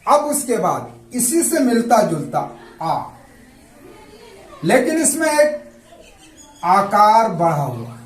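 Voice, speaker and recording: A man's voice: high voice, big pitch swings, takes it slowly, pauses often, echoey room. A man teaching a lesson, patiently repeating and spelling out sounds. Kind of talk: slow explanatory lesson.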